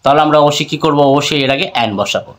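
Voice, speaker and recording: A man with a Bangladeshi accent and a somewhat high voice gives a grammar lesson. He keeps asking his viewers questions and then answers them himself. He says the example words over slowly and clearly. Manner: mixes English phrases into his talk. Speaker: English teacher.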